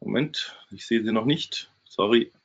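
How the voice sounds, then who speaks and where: A man's voice: on the low side, unhurried. A man speaking as a guest presenter, giving a casual webinar from a small hotel room. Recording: dull, lo-fi webinar stream.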